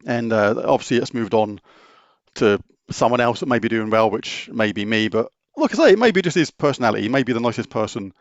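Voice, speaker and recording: In a casual Q&A, a middle-aged British YouTube gaming host works through viewer questions plainly, wandering off and restarting sentences often. His medium-pitched, gravelly voice is expressive and quick. It's a close, dry recording with a slightly dull, lo-fi tone.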